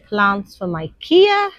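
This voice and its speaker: The audio is muffled but free of echo, carrying a mid-range, slightly bright female voice. She's a Sri Lankan nursery teacher in her thirties, chattily explaining things with frequent ums as she vlogs from a bustling airport's shopping and seating area.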